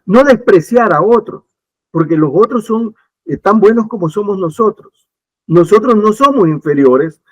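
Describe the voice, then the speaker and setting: A man from Ecuador speaks in a slightly high voice. He argues his views insistently, circling back and restarting as he pushes his point. The recording is dry and close, with no room sound. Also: no room sound, rough recording. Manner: emphatic, repeats points, many restarts. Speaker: political commentator. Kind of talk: opinionated talk-show discussion.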